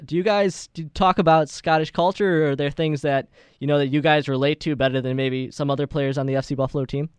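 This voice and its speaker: A man's voice: on the high side, steady tone, fast talker, smooth, dry recording. A man hosting a sports show, talking conversationally through interview questions and soccer commentary in a wordy way.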